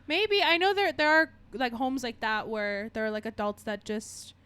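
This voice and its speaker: A young woman co-hosting a podcast in casual chat, reacting with quick exclamations. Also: fairly high pitch, very animated, pushed and bright, clear, resonant tone. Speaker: podcast co-host.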